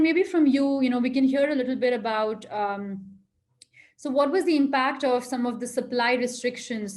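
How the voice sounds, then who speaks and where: A woman moderating a panel discussion, talking in a hesitant, roundabout way with many pauses and filler phrases. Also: on the high side, darkish tone. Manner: hesitant, roundabout, frequent "you know" and pauses.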